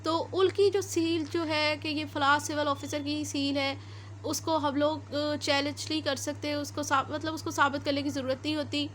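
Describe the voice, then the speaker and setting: Reading statutes and then unpacking them, a female law lecturer with a Pakistani accent moves back and forth between Urdu and English. Her voice sits high with little pitch movement and a moderate pace, sounding a bit bright over slight background noise.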